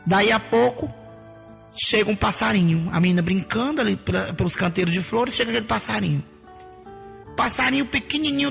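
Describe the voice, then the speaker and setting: A woman's voice: fairly high pitch, vocal fry, fairly bright tone. A woman preaching her personal testimony in an emphatic way, often calling out to her listeners as brothers and sisters.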